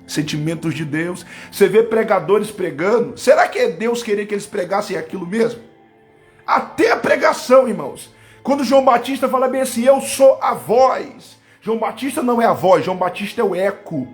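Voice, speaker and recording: A man with a Brazilian Portuguese accent preaching a live-streamed Pentecostal sermon, fervent, swinging between loud bursts and low asides and breaking into tongues. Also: expressive, fast, hardly any pauses, faint music behind. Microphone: webcam or phone on a live stream.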